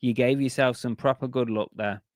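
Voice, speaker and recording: Chatting loosely on a casual live stream, a man rambles through many fillers and false starts at a normal speed. He's losing his voice, which sits at a middle pitch and is almost worn out, and the audio is close and dry without room echo.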